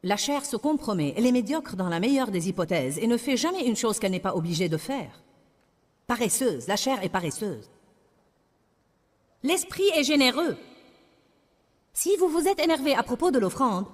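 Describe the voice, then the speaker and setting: A woman's voice: on the high side, big pitch swings, normal speed, in a large hall. A woman preaching a sermon in a French voice-over, with emphatic, repetitive declarations.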